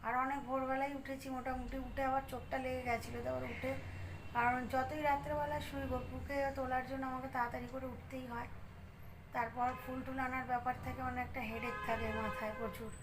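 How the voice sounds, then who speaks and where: A woman's voice: high-pitched, level tone, fast talker, noisy background. A woman in her thirties chatting casually to her viewers from home in a rambling way, full of fillers. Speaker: home vlogger. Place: at home indoors.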